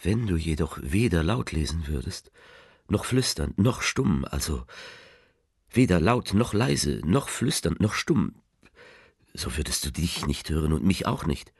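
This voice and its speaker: A tender letter writer in a radio play, his voice extremely deep and rough with fry. The tone is breathy and husky, and it sits bone-dry and close to the mic. He reads slowly, often drifting into a hushed half-whisper. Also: big pitch swings, no echo, exaggerated voice. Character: male letter writer speaking tenderly to a loved one. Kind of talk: intimate literary reading, radio play.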